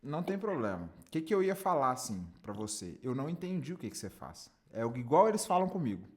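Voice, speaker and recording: A man's voice: mid-range voice, fast talker. A man mentoring on cold calls, coaching directly and acting out examples. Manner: animated, direct, demonstrates with lively intonation. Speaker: sales mentor.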